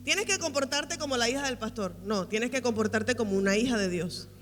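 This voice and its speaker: A woman's voice: fairly high pitch, a little fast. A woman pastor preaching at a women's conference. She is emphatic and repeats key phrases for weight. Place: large church hall. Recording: reverberant hall with faint music.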